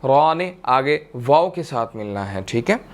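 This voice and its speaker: A man with a Pakistani Urdu accent teaching tajweed, chanting verses in long drawn-out tones and then explaining each rule briskly, often checking in with "theek hai". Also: medium pitch, expressive. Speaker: Quran recitation teacher. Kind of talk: tajweed lesson, slow chanted recitation then quick explanation.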